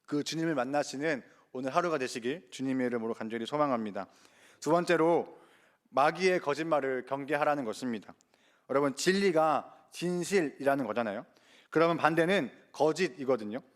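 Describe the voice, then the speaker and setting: A man's voice: mid-range voice, fairly quick. A man preaching a sermon in a church, earnestly addressing the congregation with rhetorical questions. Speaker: evangelist preaching.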